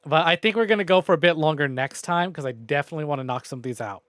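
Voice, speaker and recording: Signing off from his video game livestream, a man with a fairly high, slightly bright voice chats very quickly to viewers. He rambles informally with loose phrasing and an occasional mild swear, and the audio is dry without room echo.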